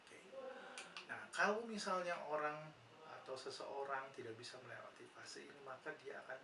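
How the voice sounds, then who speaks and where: A man's voice: mid-range voice, moderate pace, creaky, crowd noise. A man with an Indonesian accent teaching nursing psychology, patiently explaining and answering his own questions with frequent "ya" fillers. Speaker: nursing lecturer. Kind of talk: explanatory lecture conversation. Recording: roomy, distant mic, noisy background.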